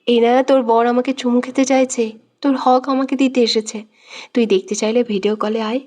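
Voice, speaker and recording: A woman's voice: fairly high pitch, flat delivery, moderate pace, warm tone, natural voice. Woman voicing a teasing young prankster guy.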